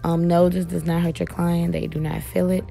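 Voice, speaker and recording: A young woman with a hoarse voice and a heavy gravelly rasp narrates a nail tutorial. Her tone is low and mellow as she talks casually and directly to viewers. Faint music plays behind her. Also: level tone, moderate pace. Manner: chatty, addresses viewers as "you guys", frequent "um". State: hoarse, voice cracking. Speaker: nail technician and beauty vlogger.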